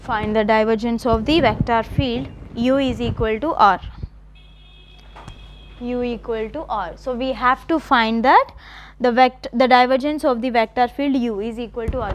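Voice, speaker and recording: A woman college math lecturer, dictating notes slowly and repeating phrases, often checking with the class. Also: a little high, muffled recording, a little hiss or hum. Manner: repetitive, slow dictation with checking questions.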